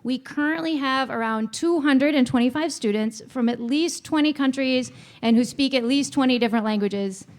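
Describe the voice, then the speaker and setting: A woman's voice: high voice, moderate pace, few pauses. Chatty woman moderating a panel. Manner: warm, chatty, small self-aware laughs. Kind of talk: friendly panel introduction. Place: church hall. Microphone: handheld microphone.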